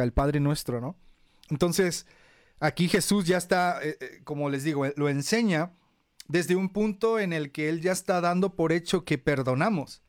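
A man with a Mexican accent hosts a faith podcast in a casual, reflective way and uses everyday slang. His voice is a little high for a man. The sound is dry and close. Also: no room sound. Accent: Mexican Spanish. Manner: conversational, reflective, colloquial. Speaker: podcast host.

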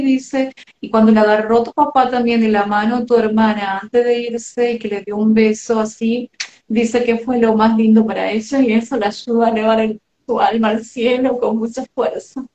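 A woman's voice: a little high, darkish tone, echoey room, lo-fi sound. A woman with a Rioplatense Spanish accent, speaking tenderly and affectionately as a medium relaying messages in a live session. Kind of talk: live spiritual reading.

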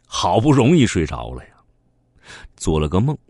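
A man telling a story to children in an animated, sing-song way, drawing out his words. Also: deep voice, normal speed, slightly rough, no room sound, studio quality.

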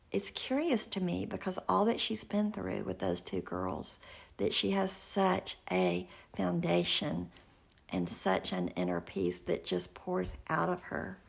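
A middle-aged woman preaching a sermon and telling a personal story earnestly, slowing down and dropping to a whisper for emphasis. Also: lowish voice, gravelly, breathy edge.

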